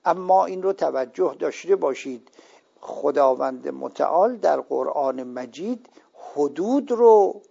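An older male cleric giving a religious lecture, speaking in measured, emphatic, drawn-out phrases. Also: a little high, lively intonation, vocal fry, mellow, husky. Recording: dull lo-fi recording.

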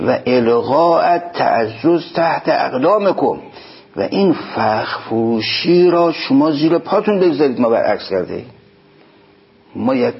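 A man giving a sermon, explaining in plain speech and slowing down to chant quoted lines. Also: mid-range voice, husky. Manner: slow chanted quotations, emphatic explanations. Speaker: preacher. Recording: dull lo-fi recording.

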